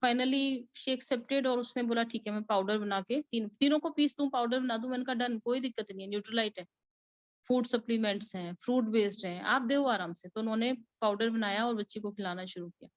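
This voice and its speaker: A woman's voice: a little high, fairly quick, dry recording. A woman who sells supplements gives a motivational talk about her experiences, telling stories in a chatty way and mixing in English words. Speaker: distributor sharing her experiences. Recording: dull, dry recording.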